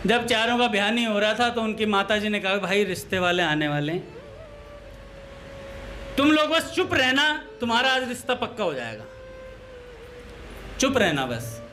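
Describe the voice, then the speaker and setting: A high, bright-voiced man delivers a devotional talk with anecdotes. He acts out the characters in his stories, including lisping voices for comic effect. Soft music plays faintly behind him. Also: very animated, measured pace, pauses often. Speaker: satsang speaker.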